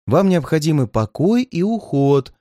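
A man's voice: fairly high pitch, very animated, a little slow, no echo, voice pushed up. A man doing a firm detective, dry and matter-of-fact, slightly raised voice, close dry sound. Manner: dry and firm, sometimes gentle. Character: stern, brisk adult male detective.

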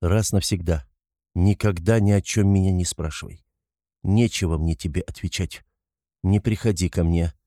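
A man's voice: low-pitched, steady tone, normal speed, warm tone, dry recording, clean studio sound. A man reading as a brooding, withdrawn young student. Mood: cold, quiet.

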